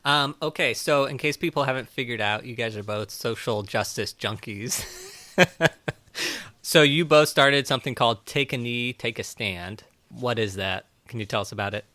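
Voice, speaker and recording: A man's voice: mid-range voice, moderate pace, sharp tone, dry recording. A man hosting an interview, friendly and upbeat, asking follow-up questions. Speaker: interview host. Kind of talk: conversational interview.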